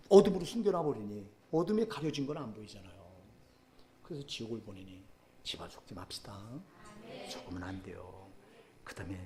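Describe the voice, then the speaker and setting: A man preaching a sermon as pastor, swinging between loud impassioned exclamations and low quiet asides. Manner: acts out biblical quotes dramatically.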